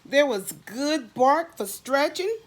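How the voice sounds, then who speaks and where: A middle-aged woman with a high, lively voice reads a storybook aloud to young children at a slow pace. Like a teacher at storytime, she expressively asks questions and answers them herself, stretching out and repeating words for emphasis.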